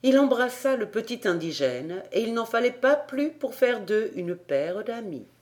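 A woman narrating a classic novel as an audiobook reader, with clear, steady delivery. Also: on the high side, a little slow.

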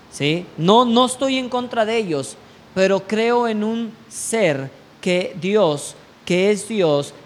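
A man's voice: high-pitched, slight background noise. A man preaching a sermon, telling a personal testimony and asking the congregation rhetorical questions. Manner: slow, deliberate delivery.

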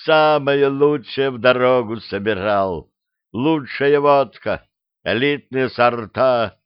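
Moaning, lamenting circus performer, read by a man, raised pitch, dull lo-fi sound. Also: slow pace, smooth, no room sound, lightly acted. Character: panicky male circus performer. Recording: dull dry lo-fi recording.

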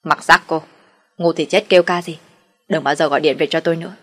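A woman's voice: deep voice, brisk, fairly bright tone. A woman voicing a bitter, snapping young man. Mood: angry. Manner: sulky, snapping and curt.

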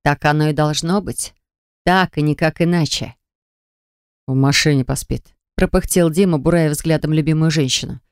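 A woman's voice: sits low, steady tone, fairly quick, darkish tone, clear, resonant tone, no echo, studio quality. Woman narrating a romance audiobook. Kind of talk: scripted novel narration.

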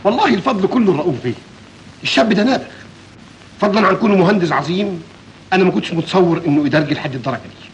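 A proud, fatherly Egyptian bey with an Egyptian accent. His voice sits high and moves a lot as he rushes through his words. Faint hiss runs under this old film soundtrack. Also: expressive, echoey room, low-quality recording. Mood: pleased. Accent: Egyptian Arabic. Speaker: factory owner bey. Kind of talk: 1940s film acting.

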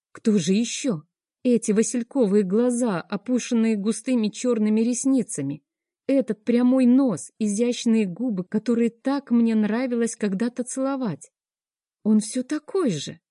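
A woman reads a first-person story aloud, dramatic and full of feeling. Her voice is mellow and warm. The sound is dry and close-miked. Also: a little high, no room sound. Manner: emotional, dramatic reading. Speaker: audiobook narrator.

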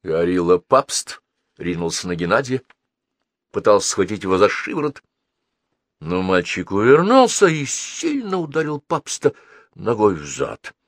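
Low-voiced, animated male narrator. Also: normal speed, no echo. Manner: expressive, animated reading. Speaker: audiobook narrator. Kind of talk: scripted narration.

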